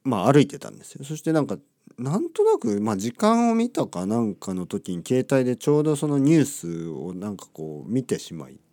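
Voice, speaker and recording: A man's voice: mid-range voice, wildly swooping pitch, a little fast, gravelly, dark tone, no room sound, clean studio sound. A middle-aged man talking casually in a playful, amused monologue. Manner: chatty, playful, amused asides.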